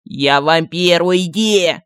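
A woman's voice: lowish voice, slow, clean tone, no room sound, clean studio sound. A woman voicing rude, irritable male vampires in a humorous fantasy audiobook, speaking brusquely and driving a stranger away. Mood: hostile. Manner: brusque, shouting people away.

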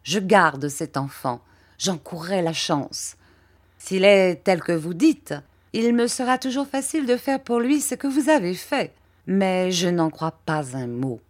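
A woman's voice: lowish voice, expressive, unhurried. A woman reader voicing a fiery elderly aunt who scolds with scornful, rhetorical questions.

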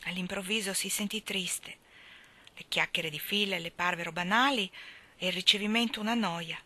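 A woman narrating an audiobook of a novel in a measured, even storytelling manner. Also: medium pitch. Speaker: audiobook reader.

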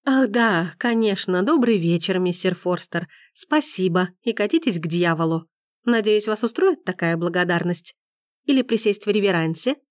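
A woman's voice: medium pitch, lively intonation, brisk, no room sound, studio quality, natural voice. A woman reading an audiobook, voicing an enraged young woman who hurls angry accusations. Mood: sharp. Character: furious young woman in period romance.

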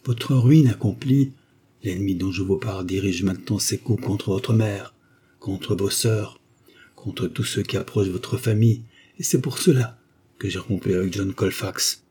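An earnest, loyal viscount who lays out grave warnings with patient persuasion, as a man voices him while reading aloud. The voice is low and dark-toned, with a husky edge. The figure is voiced in a classic novel audiobook. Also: moderate pace. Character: calm, earnest male viscount, loyal friend.

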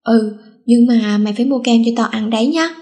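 A woman's voice: fairly high pitch, steady tone, a little fast, mellow, close to an everyday voice. A woman voicing a cheeky, insolent schoolgirl who talks back with teasing, offhand remarks. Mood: playful.

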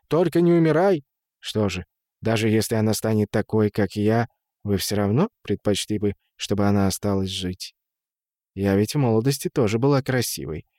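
A man voicing a scornful, knowing old witch who speaks calmly with a creaking, mocking tone in a storybook reading. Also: medium pitch, dry recording, studio quality, close to an everyday voice.

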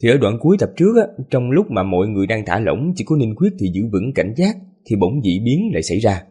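A man with a hoarse voice narrating a serialized story as the channel host, in a relaxed, chatty way. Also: on the low side, fast, faint music behind. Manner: relaxed, chatty asides with fillers.

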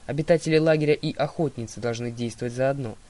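A man playing a calm wise old centaur. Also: medium pitch, fast, close to an everyday voice. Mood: measured.

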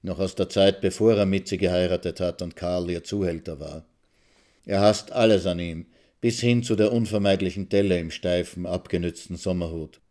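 A man reading a literary short story aloud in a calm, measured way. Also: low-pitched. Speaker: reader of a short story on radio.

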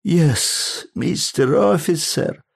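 A man voicing a fussy, panicky, plump little old man who talks in a high, pleading, flustered way. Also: animated, measured pace, creaky, darkish tone.

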